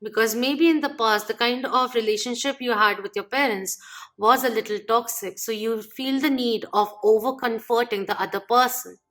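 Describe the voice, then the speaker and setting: A woman giving a channeled tarot reading, gently and reflectively listing what each card means. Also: on the high side, normal speed. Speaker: tarot reader.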